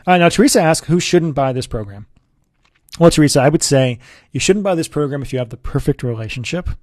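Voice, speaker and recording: A man, a relationship coach, giving an earnest, persuasive sales pitch straight to the listener. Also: lively intonation, fast, darkish tone, no echo, clean studio sound.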